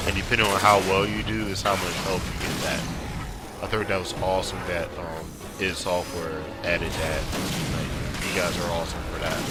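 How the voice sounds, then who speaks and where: A man giving casual, rambling gameplay commentary in an informal, slangy, conversational way, as if chatting over his own footage. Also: deep voice. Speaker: gaming video creator doing commentary. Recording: clear background noise.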